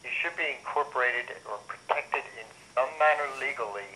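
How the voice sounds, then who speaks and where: Man, heard over a phone line, crisp bright voice, faint hiss behind, casual explaining guest. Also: medium pitch, fairly quick. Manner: explains with hypothetical examples, talks to folks directly. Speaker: interview guest, music business advisor. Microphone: telephone.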